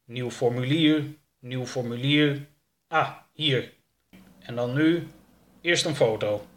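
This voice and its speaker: A man's voice: medium pitch, slow pace, a bit bright. Man voicing a bossy middle-aged male boss, curt orders, storybook. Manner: commanding, curt. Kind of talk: audiobook character voice.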